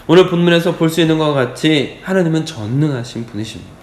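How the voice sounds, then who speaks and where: A pastor preaching an emphatic, repetitive sermon at a dawn prayer service in a church. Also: male voice, a little high, expressive, fast talker, a little mellow. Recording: echoey church hall.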